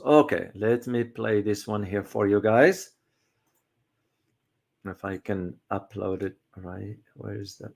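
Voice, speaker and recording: A middle-aged man hosting a casual community livestream, talking in a halting way with many fillers and restarts. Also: lowish voice, vocal fry. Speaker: host.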